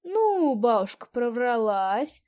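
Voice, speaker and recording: A woman as a curt gentleman traveler. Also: a little high, very animated, slow pace, voice pushed up. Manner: short, matter-of-fact questions.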